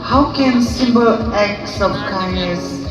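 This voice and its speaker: Woman pageant judge, slow formal question, very echoey, loud music behind. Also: medium pitch, far from the mic.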